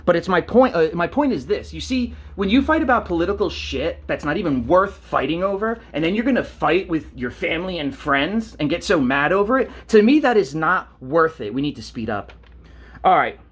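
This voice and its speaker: A man's voice: a little high, animated, moderate pace, fairly bright tone, breathy edge. A man ranting on a vlog, blunt and profane, telling stories and asking rhetorical questions. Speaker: vlogger.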